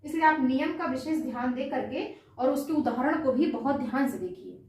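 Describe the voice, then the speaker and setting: A high-voiced woman leads an exam-prep grammar lesson, asking a question and answering it herself before repeating the answer. She sounds far from the mic in a very echoey room. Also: animated, normal speed, darkish tone. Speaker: teacher.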